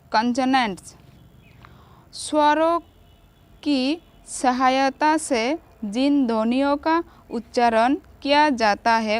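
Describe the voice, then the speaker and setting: A woman teacher giving a grammar lesson to children, asking questions and answering them herself. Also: high voice.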